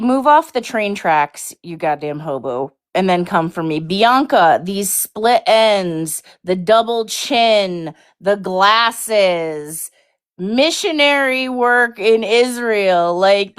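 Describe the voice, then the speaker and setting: A woman's voice: mid-range voice, smooth. Combative woman hurling insults. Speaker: livestream debate panelist. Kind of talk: heated live-stream argument.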